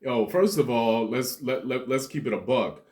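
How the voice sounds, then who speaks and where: A man's voice: mid-range voice, animated, normal speed, a little mellow. A man from Montenegro giving a rambling, slangy commentary monologue as a vlogger, laughing between points.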